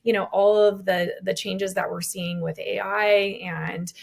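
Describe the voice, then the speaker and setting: A woman hosting a podcast in a casual chat. Her voice has a gravelly vocal fry at mid pitch. She rambles loosely, leaning on little fillers. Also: steady tone, a little slow. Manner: casual and rambling, full of fillers like "you know". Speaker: podcast host.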